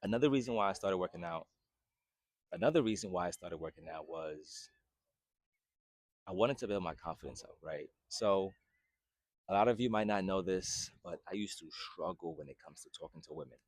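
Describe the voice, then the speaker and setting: A man's voice: low voice, moderate pace, dry recording, studio quality. A man in his twenties, originally from Haiti, talking casually to camera as a fitness vlogger and often checking in with "right?". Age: 20s. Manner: conversational, repeats "right?" often. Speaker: fitness vlogger and personal trainer.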